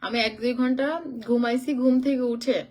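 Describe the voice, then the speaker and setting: A woman's voice: on the high side, level tone, fairly quick, dark tone. A woman from Chittagong chatting casually on a live stream, tired from travel, answering viewer comments and dropping English phrases in. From Chittagong, Bangladesh.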